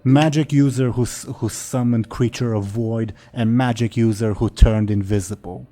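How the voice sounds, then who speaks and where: A man voicing a menacing dragon in a tabletop game, speaking in slow, halting, broken phrases in a dragon voice. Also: mid-range voice, steady tone, warm tone, close to an everyday voice. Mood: stern, demanding.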